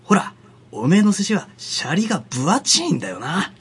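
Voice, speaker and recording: A man with a husky voice voicing a gruff, boastful middle-aged sushi know-it-all in an Edo-style Tokyo dialect, in a comic radio skit. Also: high voice, huge pitch swings, normal speed, a bit bright, heavily acted. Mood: bossy. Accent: Edo-style Tokyo dialect put on over Kansai. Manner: blustering, rough street talk.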